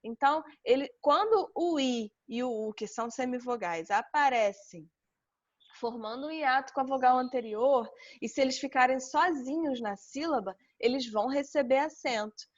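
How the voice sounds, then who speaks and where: A woman's voice: high voice, moderate pace. A Brazilian woman teaching an online class, explaining step by step and checking in with her students often. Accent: Brazilian Portuguese. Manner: patient, explaining step by step with frequent "tá?". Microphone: video call. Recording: dull lo-fi video call audio.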